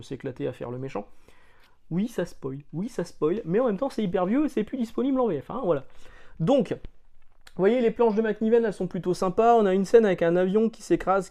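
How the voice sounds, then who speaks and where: A man's voice: sits high, vocal fry, warm tone. A man from France talking casually about comics, chatty and jokey, with lots of hesitant fillers. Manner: jokey, loose slang. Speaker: comics reviewer.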